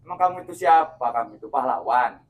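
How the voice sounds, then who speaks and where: A man's voice: medium pitch, animated, quick pace, natural voice. A man acting as a stubborn street thug demanding protection money in an amateur skit, talking in an insistent, pushy way. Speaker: actor in a skit.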